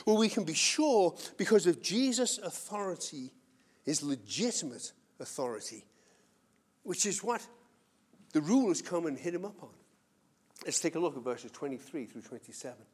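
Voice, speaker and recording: Male pastor, high-pitched, earnest conversational sermon, big swings in volume. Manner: earnest, conversational preaching with wide swings in loudness.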